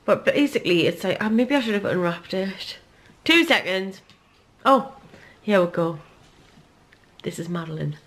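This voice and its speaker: A woman's voice: mid-range voice, lively intonation, a little slow, pauses often. A woman in her thirties with a Geordie accent, chatting casually to her camera at home in a rambling family vlog. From North East England. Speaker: vlogger, mother.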